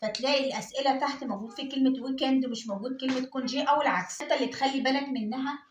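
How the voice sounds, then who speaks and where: Brief: Egyptian woman French teacher, high voice, echoey room, explains step by step. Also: rapid-fire, a little hiss or hum. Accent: Egyptian Arabic. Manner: explains step by step, asks and answers her own questions. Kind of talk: classroom exam-prep lesson.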